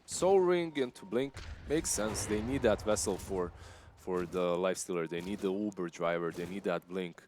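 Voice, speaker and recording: A man's voice: deep voice, normal speed, hardly any pauses, noisy background. Bosnian-accented male esports analyst. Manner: analytical, explains strategy with frequent fillers. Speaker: esports color commentator. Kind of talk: live esports commentary.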